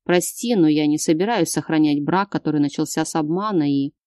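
A woman's voice: low voice, a little fast, darkish tone, dry recording, studio quality, close to an everyday voice. A woman reading an audiobook, voicing a stern young husband who growls clipped commands. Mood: weary.

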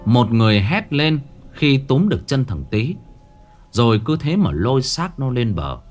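A man narrates a ghost story with dramatic storytelling. His pitch swings widely through the lines, and faint music plays underneath. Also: big pitch swings, moderate pace.

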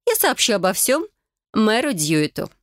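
A woman's voice: medium pitch, wildly swooping pitch, moderate pace, no room sound, pitched above the performer's own voice. Brief: matter-of-fact healer woman, firm delivery, read by a woman, dry close sound. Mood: businesslike. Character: brisk red-haired female healer, matter-of-fact.

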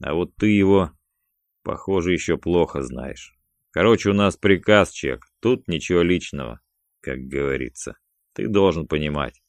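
Man voicing a calculating gangster, dry, curt, mocking, deep voice, dead-dry sound. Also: lively intonation, normal speed, no echo. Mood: cool. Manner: dry, curt, mocking, snapping when angry. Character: cool, calculating male gangster boss of the pair.

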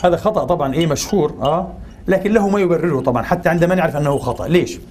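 Man, lecturer, rapid delivery, mellow tone, rhetorical questions. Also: fairly high pitch. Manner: poses rhetorical questions and pauses on filler sounds. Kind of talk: religious and cultural lecture.

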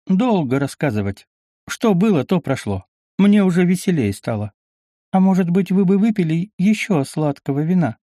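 A man's voice: high voice, very animated, moderate pace, mellow, no echo, pitched above the performer's own voice. A reader playing a heartfelt young knight from a historical storybook, polite and earnest, his voice somewhat raised. The recording is dry and close. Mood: moved. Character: young knight, emotional but cheerful.

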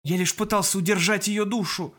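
A man's voice: sits high, fairly even intonation, brisk, sharp tone, voice pushed up. A man playing an anxious stammering teen mage. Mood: worried. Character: scared teenage boy mage.

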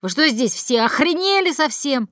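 A frantic tattooed young thug, read by a woman in an audiobook yells in a raised, higher voice and can't believe what he hears. The sound is close and dry. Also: expressive, normal speed, no echo. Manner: frantic, shouting, disbelieving.

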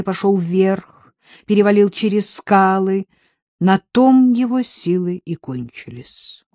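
A man narrating an audiobook in a measured, dramatic reading with swells of intensity. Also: high voice, dark tone, no room sound, studio quality.

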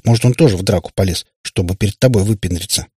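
A sharp-tongued little witch girl teases and boasts in a raised, scoffing voice, as a man reading the book puts her on. The voice keeps a husky edge and sits dry and close to the mic. The audiobook reading stays lively and mocking. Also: lowish voice, no room sound. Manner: teasing, boastful, quick to scoff.

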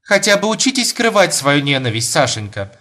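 A man puts on the voice of a gushing, coaxing society lady at a dinner party, pitching it above his own natural voice. It sits high, with lively intonation, a normal pace and a fairly bright tone.

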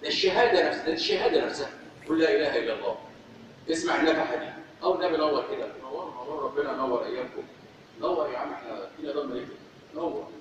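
Fervent Egyptian preacher in echoey hall. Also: male voice, a little high, rapid-fire, background noise. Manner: fervent, repeating phrases for emphasis. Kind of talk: sermon. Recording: echoey hall, distant, dull.

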